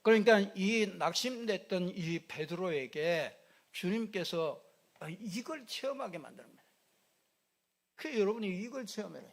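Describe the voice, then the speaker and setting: A man's voice: high-pitched, animated, moderate pace. A middle-aged male pastor preaching a sermon in a chatty, joking way, repeating little fillers as he goes. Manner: conversational and joking, repeats fillers, mimics regional speech. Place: church sanctuary.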